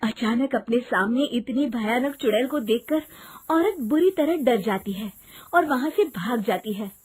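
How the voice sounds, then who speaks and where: A woman's voice: fairly high pitch, a little slow, breathy edge. A woman narrating a Hindi cartoon story. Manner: lively storytelling.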